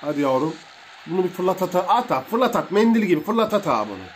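Talking fast in a high register, this young guy gives casual, slang-heavy commentary on a mobile wrestling game, shouting out moves and reacting to hits. There's slight background noise behind him.

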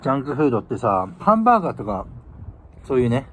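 A man's voice: mid-range voice, big pitch swings, fast talker, a bit bright. A man in his twenties from northern Japan, chatting casually to camera outdoors while chewing his food. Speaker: vlogger. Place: outdoors by a building in winter. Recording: outdoor ambient noise, phone microphone.

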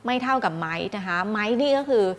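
A woman's voice: mid-range voice, animated. Woman teaching grammar politely. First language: Thai. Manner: explains in Thai with polite particles, reads English examples slowly. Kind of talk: online lecture.

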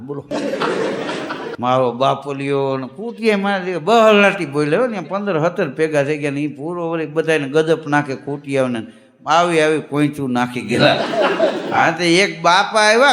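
A man's voice: on the high side, a bit bright. A man doing stand-up, telling jokes and acting out the characters' lines for a live audience. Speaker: stand-up comedian. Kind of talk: comic storytelling to a live audience. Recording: long hall reverb.

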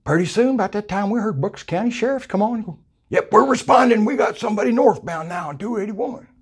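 In a fast, high-pitched, slightly rough voice with lively intonation, an older man with a South Texas accent spins a casual hunting tale. He's folksy and colorful and acts out the voices he quotes, recorded with a lapel mic in a small room.

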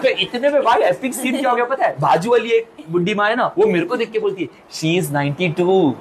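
A man's voice: very high voice, animated, fast, very noisy. A man telling a comic story to an audience, chatty and colloquial, mixing in English words.

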